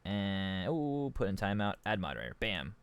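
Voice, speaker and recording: A man's voice: low voice, very animated, normal speed, clear, resonant tone. A man rambling casually on a live stream, restarting his sentences and reading chat aloud into a desk microphone.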